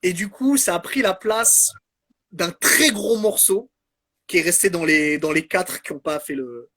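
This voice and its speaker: A man's voice: high-pitched, a little slow, pushed and bright. A man co-hosting a casual music chat, enthusiastic and playful. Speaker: podcast co-host.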